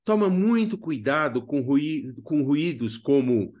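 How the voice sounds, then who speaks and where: A man with a Brazilian accent narrates a video lesson for a radio drama workshop, teaching didactically while making conversational asides to the learner. He speaks slowly and very animatedly, in a slightly high voice with a darkish tone.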